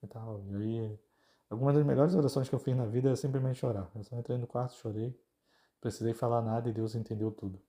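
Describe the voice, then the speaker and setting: A man's voice: mid-range voice, steady tone, quick pace, mellow. A man with a Brazilian Portuguese accent, hosting a podcast in a casual devotional style, talking informally and speaking straight to his listeners. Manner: informal, conversational, addresses listeners directly. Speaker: podcast host.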